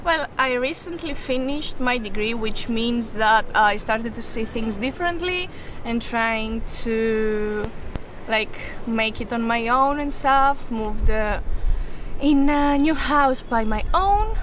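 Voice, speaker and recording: A woman's voice: a little high, a bit bright, slight background noise, poor audio. A woman, speaking frankly and sarcastically in a street interview on a city rooftop. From Greece. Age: 20s.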